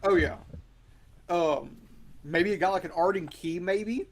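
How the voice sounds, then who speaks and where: A man with a high voice appearing as a guest on a sports podcast. He talks hesitantly and fills his thoughts with pauses and maybes. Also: slight background noise. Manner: hesitant, many fillers and maybes. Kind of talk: casual sports chat.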